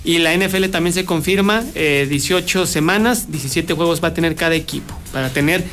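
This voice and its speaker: A man's voice: fairly high pitch, a little fast, a bit bright, soft background music. A man with a Mexican accent co-hosting a radio show, chatting playfully and giving casual sports updates.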